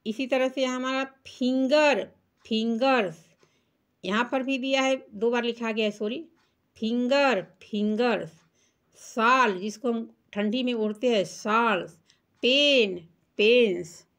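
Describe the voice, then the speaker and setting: A woman's voice: a little high, slow, fairly bright tone. A woman teaching children English singular and plural words, patiently spelling them out letter by letter. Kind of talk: children's English vocabulary lesson.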